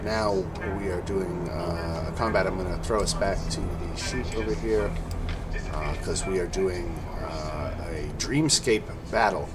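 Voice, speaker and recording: A man's voice: low voice, measured pace. A man running an online tabletop game as game master, narrating scenes and explaining rules. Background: music.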